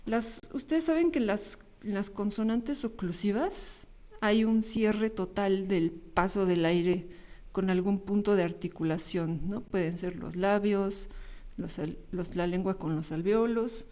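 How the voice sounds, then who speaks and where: Slow and dark-toned at a mid-range pitch, this woman's voice carries a recorded university lecture over slides in a Mexican Spanish accent. She explains things patiently, often checking in with tag questions and making small restarts.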